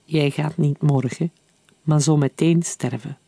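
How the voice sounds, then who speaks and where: A man reading aloud, voicing a calm, coldly menacing German officer who leads a patrol. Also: fairly high pitch, unhurried, creaky, slightly rough, no room sound, heavily acted. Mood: cold commanding.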